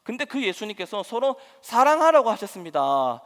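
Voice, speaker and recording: A male pastor preaching a sermon to his congregation, animated, asking rhetorical questions and acting out quoted voices. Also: sits high, normal speed, vocal fry. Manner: acts out quoted voices with laughs. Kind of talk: sermon at a Wednesday service. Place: church sanctuary. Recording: long hall reverb in a church.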